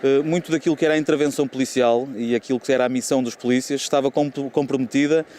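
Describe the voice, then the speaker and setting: A man's voice: medium pitch, fairly even intonation, racing, dark tone, a little hiss or hum. A man with a European Portuguese accent giving interview answers as a police representative.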